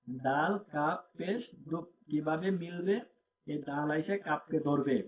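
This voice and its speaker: Slow, tinny-sounding male Quran teacher. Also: fairly high pitch. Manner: spells out letters and vowels, then repeats the joined sound. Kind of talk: slow spelled-out recitation lesson. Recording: tinny phone-like audio with faint hum.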